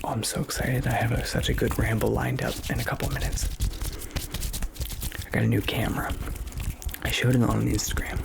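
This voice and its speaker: A man doing casual ASMR, rambling and thinking aloud in a hushed, often whispered voice, close to a microphone in a small home studio. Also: mid-range voice, little pitch movement, a little fast, long pauses. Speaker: ASMR video creator. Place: small home studio bedroom with acoustic panels. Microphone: stereo XLR microphone, close up. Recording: clear background noise, clicks.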